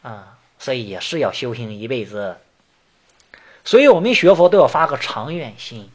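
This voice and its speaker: A man teaching as a Buddhist teacher in a sutra lecture, explaining terms point by point and chanting the verse lines slowly. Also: medium pitch, animated.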